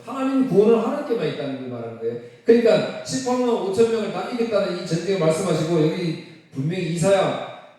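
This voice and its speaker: A man preaches in a church sanctuary, explaining scripture and putting rhetorical questions to the congregation. His voice is mellow and fairly high, with a lively rise and fall. It is picked up from some distance, with a heavy hall echo. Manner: explanatory, asks rhetorical questions and answers them. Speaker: pastor. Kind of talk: sermon.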